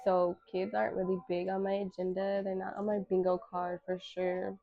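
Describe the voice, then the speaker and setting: A woman's voice: medium pitch, flat delivery, moderate pace, creaky, no echo, muffled recording. A woman in her twenties hosting a casual solo talk, candid and slangy, with emphatic repetition. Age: 20s. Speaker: podcast host.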